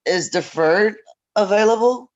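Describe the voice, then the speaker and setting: A man's voice: sits high, measured pace. A man speaking politely and hesitantly as a defendant on a remote court call whose audio is breaking up. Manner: polite, hesitant, lots of ums. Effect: call audio breaking up, dull and thin. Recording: dull, muffled, dry remote line.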